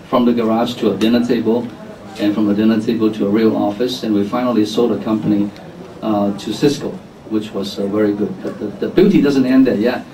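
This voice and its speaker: A man's voice: fairly low pitch, mellow. A man from Hong Kong in his fifties introducing himself on a panel, joking and chuckling at his own lines. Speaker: panelist entrepreneur. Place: conference hall before an audience. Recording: roomy hall mic from far off with audience.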